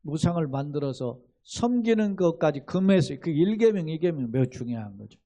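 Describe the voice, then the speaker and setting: Korean pastor guy preaching, high-ish voice, chatty, lots of rhetorical questions and little acted quotes. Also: very animated, normal speed, warm tone. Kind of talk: expository sermon.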